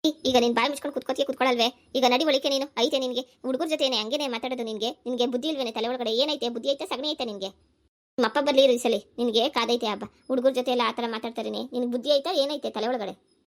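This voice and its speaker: A woman voicing a worried, sharp-tongued mother in a cartoon, scolding and nagging. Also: on the high side, fast talker, lightly acted. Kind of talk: cartoon voice acting.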